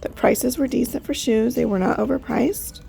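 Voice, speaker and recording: A woman's voice: a little high, moderate pace, vocal fry, mellow, soft background music. A woman narrating a casual thrift vlog as a reseller, chatting and thinking aloud with frequent fillers. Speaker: reseller vlogger.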